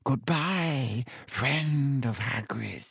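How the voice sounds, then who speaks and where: Brief: a croaking old giant spider, grave and menacing, with an odd, higher voice, as a male narrator puts him on. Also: extremely slow, fairly bright tone, no room sound, studio quality, heavily acted.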